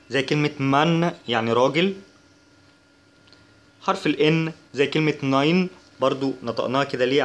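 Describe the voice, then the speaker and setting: A man with an Egyptian Arabic accent who teaches a language lesson, spelling out sounds slowly and repeating them patiently. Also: mid-range voice, a bit bright.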